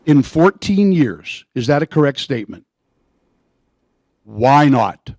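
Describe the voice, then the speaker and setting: A man's voice: mid-range voice, lively intonation, takes it slowly, a little mellow, dry recording. A middle-aged man giving an emphatic, indignant public comment at a council meeting.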